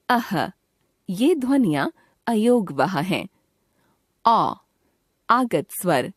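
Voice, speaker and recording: Slow, lively-pitched woman teaching grammar. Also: no echo, studio quality. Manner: reads out letters one by one with pauses. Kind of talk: slow, deliberate grammar lesson for children.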